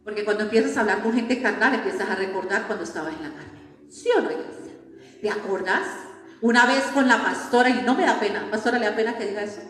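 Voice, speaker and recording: A woman's voice: mid-range voice, fast, fairly bright tone. A woman preacher, delivering a sermon and firing repeated rhetorical questions at the congregation. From Colombia. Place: church hall. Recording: echoey church hall with long reverb.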